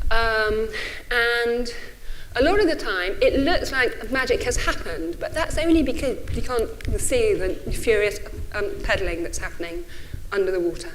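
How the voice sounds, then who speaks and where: A woman in her forties who runs a think tank gives an informal symposium talk, hesitant and self-effacing, with a stutter. Her voice is a little high, and the rough recording carries some hiss or hum.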